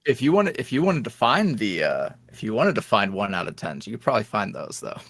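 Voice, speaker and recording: A man who makes ASMR roleplays guests on a podcast for a casual interview, talking fairly quickly in a lowish voice. He's loose and animated, trailing off, restarting, and laughing between thoughts. There's no echo.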